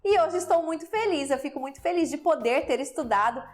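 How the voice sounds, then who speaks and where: Brazilian woman teacher, high-pitched and chatty, soft music under her. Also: animated, a little fast. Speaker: English teacher. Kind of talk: explaining to viewers.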